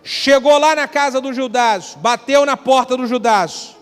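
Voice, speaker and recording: A Brazilian pastor with a high, bright-edged voice, preaching a lively storytelling sermon. He acts out the people in his anecdote, and his voice rings through a large hall with long reverb. Soft music plays beneath him. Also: normal speed, smooth. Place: church hall.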